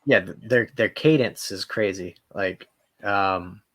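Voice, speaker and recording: An easygoing male podcast co-host speaking in a somewhat low voice. He lays out facts in relaxed banter, with plenty of fillers and restarts. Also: slow. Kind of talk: casual banter.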